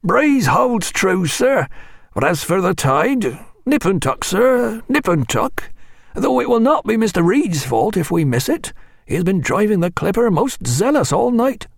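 A man voicing a plain-spoken old seaman with a sailor's rough grammar. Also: high-pitched, big pitch swings, measured pace, no room sound, clean studio sound, voice pushed up, exaggerated voice. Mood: matter-of-fact.

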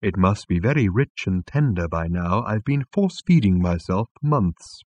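A man's voice: very animated, normal speed, a little mellow, breathy edge, no room sound, full character voice. Man voicing a big, contented, deferential talking cow. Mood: earnest, obliging. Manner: contented, deferential, lowing delivery. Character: large, fat, eager, obliging male talking cow. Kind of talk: audiobook comic science fiction character.

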